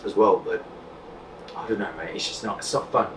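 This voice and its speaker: A man's voice: on the low side, steady tone, fairly quick. A man talking as a guest on a casual podcast, direct and projecting from the diaphragm. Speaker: podcast guest, content creator and magician. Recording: echoey room, distant mic, faint noise.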